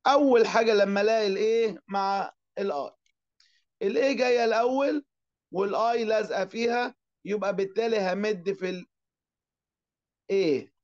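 Egyptian guy teaching english online, high voice, answers his own questions, kinda dull lo-fi sound. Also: fairly quick, long pauses. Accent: Egyptian Arabic. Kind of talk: online class lesson.

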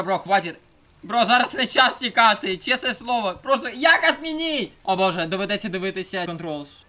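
High, bright-voiced young man commenting on a game. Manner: swings between mumbled asides and shouted outbursts, voicing his captured character. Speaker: gameplay streamer. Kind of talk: casual let's-play commentary.

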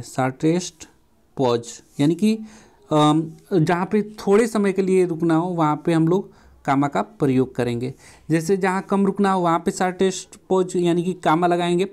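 A man's voice: sits high, a little mellow. A man teaching a punctuation lesson at a board, asking questions and answering them himself, repeating key phrases. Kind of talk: classroom lecture at a board.

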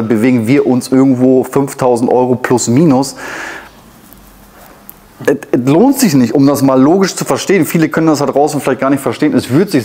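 Chatty Ruhr-accented car dealer. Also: male voice, mid-range voice, a little mellow. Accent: German, Ruhr area. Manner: chatty, frequent filler tags and asides to viewers. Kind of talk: casual car walkaround presentation. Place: car dealership showroom, partly inside a car. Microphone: lapel mic.

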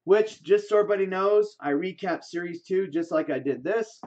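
A man's voice: sits high, moderate pace, a little mellow, a little hiss or hum. Casual male card-break host, slightly raised voice, reads names off cards in lists, muffled lo-fi stream sound. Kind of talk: livestream card break commentary.

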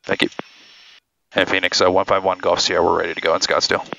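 A man's voice: low-pitched, little pitch movement, gravelly, sharp tone. A young man flying a small jet and talking to his viewers, upbeat, speaking through an aviation headset in the cockpit. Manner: quick, upbeat, talks to viewers. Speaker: pilot and vlog host. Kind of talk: casual vlog narration and radio calls. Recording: dull lo-fi sound with engine noise.

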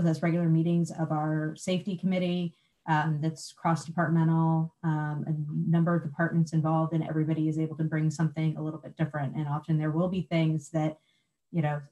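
A woman's voice: low voice, warm tone, highs cut off. A woman panelist on a video call, explaining her view thoughtfully with frequent fillers. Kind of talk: panel discussion.

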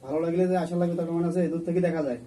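Fast-talking insistent man, recorded from a distance. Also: a little high, steady tone, mellow. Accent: Bangladeshi regional Bengali. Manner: insistent, admonishing, repetitive. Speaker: exorcist questioning a possessing jinn. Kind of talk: colloquial spoken negotiation. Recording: distant mic, faint background noise.

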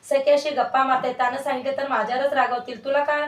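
A woman's voice: high voice, level tone, quick pace, lightly acted. Anxious maidservant, pleading, read by a woman narrator, distant and echoey. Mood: worried. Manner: questioning, pleading. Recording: echoey room, voice far from mic.

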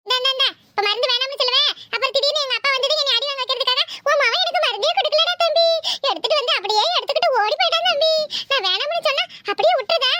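A woman's voice: very high voice, sharp tone, dry recording, studio quality. A woman doing a cheeky cartoon boy with a Tirunelveli accent. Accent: Tirunelveli Tamil. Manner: teasing, sassy. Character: cheeky young grandson, mischievous and mouthy.

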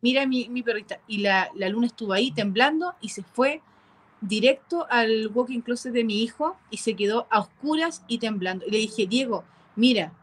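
A woman telling a frightening personal experience, halting and repeating herself with nervous laughs. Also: a little high, expressive. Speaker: caller telling a paranormal experience. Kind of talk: emotional first-person storytelling.

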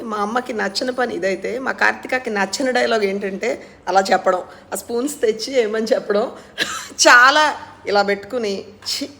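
A woman's voice: mid-range voice, background noise. A woman chatting casually to her viewers in a home vlog, mixing in English words. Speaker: vlogger.

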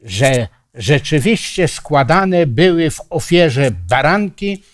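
A man in a Bible study discussion who answers questions slowly and haltingly. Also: a little high, lively intonation.

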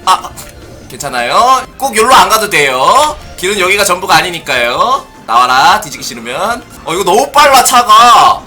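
A man giving playful let's-play commentary on a racing game, often shouting excitedly. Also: high-pitched, moderate pace, soft background music. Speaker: gaming streamer.

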